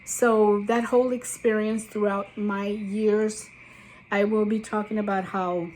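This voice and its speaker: Still sweaty from a walk, this Guatemalan-born YouTube host in her seventies chats to her viewers about her life, wandering off on tangents as she goes. Her voice is mid-range and slightly mellow, and the rough recording carries a little background noise.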